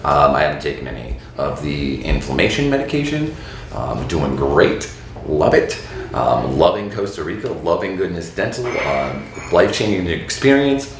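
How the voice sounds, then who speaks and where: Here the same kind of speaker talks at a normal pace in a rumbling low voice: a thirty-something Florida man, frank and easygoing, sharing his experience as a dental patient to camera and leaning on plenty of fillers. His room echoes heavily, and faint noise sits in the background.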